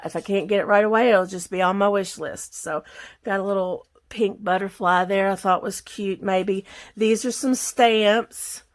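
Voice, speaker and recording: A woman from Kentucky with a Southern accent, chatting casually and rambling folksily as she walks through a craft project at her home work table. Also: fairly low pitch. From Kentucky, USA. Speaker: craft vlogger. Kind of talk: casual crafting tutorial chat.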